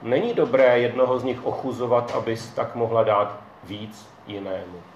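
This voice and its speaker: A hushed divine spirit speaking comfort in a quiet, reassuring way, as a male storyteller puts it on. The voice sits in a roomy, muffled space. A faint ambience hums behind it. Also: medium pitch, a little hiss or hum, close to an everyday voice. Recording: dull echoey room, faint ambience.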